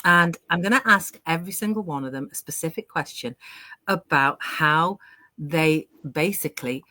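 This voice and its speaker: An enthusiastic woman in her sixties hosts a live online discussion panel. Her voice is bright and a little low-pitched, and the sound is dry and close. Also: moderate pace, dry recording. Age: 60s. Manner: enthusiastic, upbeat. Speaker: host.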